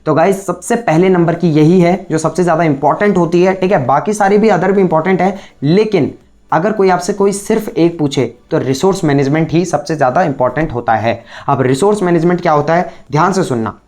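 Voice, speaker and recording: A man's voice: a little high, a little fast, darkish tone. A male teacher giving a recorded lecture, explaining step by step and constantly checking in with the class through rhetorical questions. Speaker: computer science teacher.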